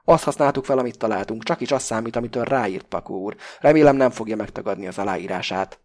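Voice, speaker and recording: A man's voice: fairly low pitch, a little mellow, natural voice. A man voicing a fat, greedy and sly middle-aged Greek man in an audiobook, pompous and blustering. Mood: indignant. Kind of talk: audiobook character voice.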